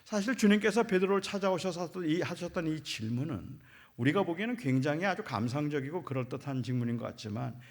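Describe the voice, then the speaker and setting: A pastor preaching with gravelly, husky texture in a fairly high voice. He delivers his sermon dramatically, rising to forceful emphasis and dropping to near-whispers, and he keeps putting rhetorical questions to the congregation. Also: animated, fast. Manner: dramatic, swings between loud emphasis and hushed near-whispers. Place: church.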